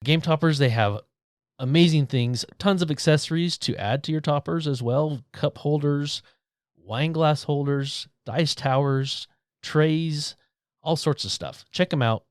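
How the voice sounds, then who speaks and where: A man's voice: a little high, unhurried, no room sound, studio quality. A man co-hosting a board game podcast, reading a sponsor message with upbeat enthusiasm. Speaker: podcast co-host. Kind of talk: sponsor read and casual chat.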